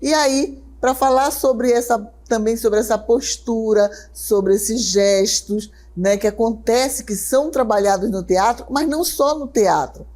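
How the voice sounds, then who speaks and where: Brazilian woman, middle-aged, brisk TV classroom teacher, slightly high voice, keeps asking "right?". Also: a little mellow. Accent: Brazilian Portuguese. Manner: talks fast, checks in often with "certo?" and "né?"; slows right down to guide a breathing exercise. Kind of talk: televised classroom lesson.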